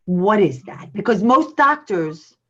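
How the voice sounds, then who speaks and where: A woman's voice: medium pitch, sing-song, unhurried, highs cut off. A woman host with a Brooklyn accent, chatty and self-deprecating as she interviews a guest. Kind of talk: casual interview chat.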